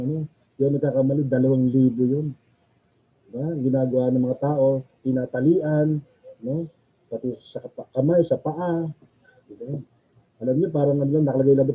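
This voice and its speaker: A man's voice: medium pitch, slightly rough. A male chaplain, preaching in a chatty way, laughing often and asking the audience questions. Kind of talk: sermon. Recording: dull lo-fi recording.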